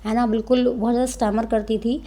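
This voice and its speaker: A woman teacher, reading passages slowly and explaining them in a Hindi-mix, often adding tag questions. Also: fairly high pitch, flat delivery, mellow. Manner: reads English lines slowly, then explains in Hindi-English mix. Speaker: English teacher. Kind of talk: explaining a textbook chapter, reading passages aloud.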